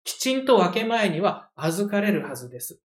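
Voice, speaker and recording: Measured preacher giving a sermon. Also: medium pitch, sing-song. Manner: measured, explanatory, with conversational asides.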